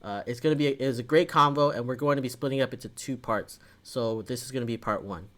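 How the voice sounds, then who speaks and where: A man's voice: mid-range voice, fast talker, fairly bright tone. A man from Florida co-hosting a casual podcast, upbeat and easygoing. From Florida, USA. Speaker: podcast co-host. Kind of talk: casual chat.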